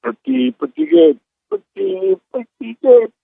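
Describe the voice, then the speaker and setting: A man's voice: extremely high pitch, measured pace, vocal fry, no room sound, full character voice. A man calling in and playing a brash, defensive male monkey, heard over a distorted, fuzzy phone line with the phone held too close. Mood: smug. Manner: defensive, rambling, excitable. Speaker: caller.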